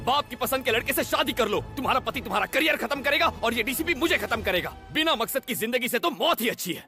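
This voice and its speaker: A nervous young male officer in a Hindi film dub, pleading and protesting in urgent bursts. His voice runs high and swings widely in pitch, with film music underneath. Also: big pitch swings, brisk, fairly bright tone, heavily acted. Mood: persuasive. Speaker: police officer character. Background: film score.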